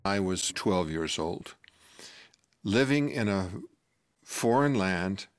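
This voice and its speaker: An older man telling a personal story to an audience, animated, acting out quotes and laughing as he goes, with music playing under his voice. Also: deep voice, slow.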